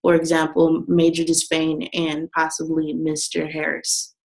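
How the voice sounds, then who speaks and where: In an unhurried, gravelly, fairly low voice, a young woman reads her class presentation straight from her slides. She keeps a flat, steady delivery with the odd restart, like a student reading prepared notes, and the audio quality is rough.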